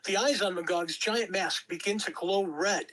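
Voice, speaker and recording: At a table read, a woman narrates the script's action with dramatic storytelling flair. She has a mid-range, somewhat bright voice and keeps a moderate pace.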